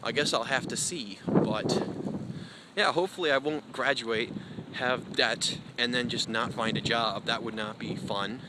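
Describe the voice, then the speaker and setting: A young man talks outdoors, meandering from thought to thought with lots of fillers and self-deprecating asides. His voice sits at an ordinary middle pitch. Loud wind roars over the mic the whole time. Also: a little slow. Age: young adult. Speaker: vlogger. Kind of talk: rambling outdoor vlog. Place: outdoors in strong cold wind. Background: heavy wind noise.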